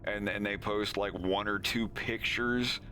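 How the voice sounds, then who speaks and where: Slow, bright-voiced low American man. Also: fairly even intonation, soft background music. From Florida, United States. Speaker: animator and streamer. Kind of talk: casual rambling stream chat.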